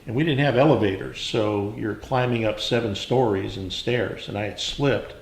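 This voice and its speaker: An older American man, a veteran remembering his service in an unscripted interview, speaking in a measured, halting way with reflective pauses. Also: lowish voice, creaky. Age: older, around 70s. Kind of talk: unscripted oral history interview, reminiscing. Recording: roomy, echoing interview sound.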